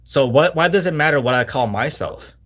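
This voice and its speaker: A man's voice: fairly high pitch, expressive, fairly quick, fairly bright tone. A man arguing insistently in an online debate, repeating himself, cutting in and swearing. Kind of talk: heated argument in an online debate.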